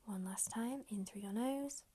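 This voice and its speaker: Woman, meditation guide, whispers throughout, mellow and breathy, close-miked and unhurried. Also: a little high. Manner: slow, soft, unhurried instructions.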